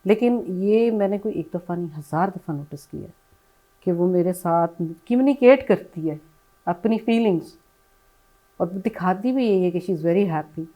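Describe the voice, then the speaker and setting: A middle-aged woman answering interview questions in a soft, reflective way, often falling to a hush and slipping in English phrases. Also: lowish voice, dull audio. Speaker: bereaved mother, interview guest.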